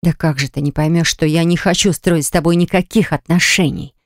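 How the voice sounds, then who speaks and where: Clean, dry studio sound carries a woman reading a little fast with fairly even intonation. She is acting out an audiobook role, a defiant, indignant, stubborn young mother whose sharp speech grows shrill when she is upset.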